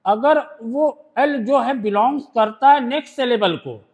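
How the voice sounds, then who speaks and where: A man with an Indian accent and a very high, darkish voice runs a shorthand lesson for his class. Step by step, he reads each rule slowly in English and then explains it in Hindi, checking often that his students understand.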